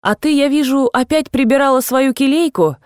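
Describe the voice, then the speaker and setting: A woman's voice: sits high, normal speed, no echo, clean studio sound, pitched above the performer's own voice, lightly acted. A woman reading aloud and voicing an agitated, fussy old aunt who scolds and exclaims in a raised voice.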